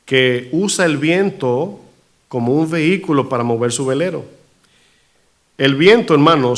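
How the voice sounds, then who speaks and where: A man preaching a sermon in a church, animated, asking the congregation rhetorical questions. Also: a little high. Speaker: pastor.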